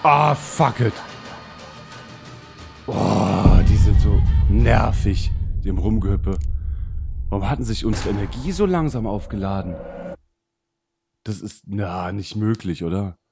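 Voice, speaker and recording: Man putting on a very deep voice. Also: lively intonation, creaky, over music. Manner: chatty, muttering to himself, bursts of loud exclamations. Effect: deliberately lowered deep put-on voice. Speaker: let's play gamer. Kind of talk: casual gameplay commentary.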